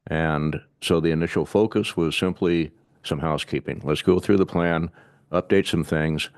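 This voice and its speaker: Very deep-voiced man giving a measured briefing. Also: no room sound, clean studio sound. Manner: measured and methodical, with occasional halting restarts. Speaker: city staff presenter to an urban renewal board. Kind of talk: explanatory briefing at a public board meeting. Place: city board meeting room.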